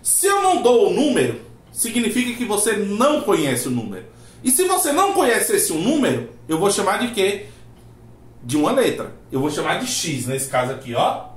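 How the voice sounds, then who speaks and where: A man's voice: high voice, very animated, normal speed. A man teaching a math lesson, asking rhetorical questions and acting out his students' replies. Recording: roomy echo.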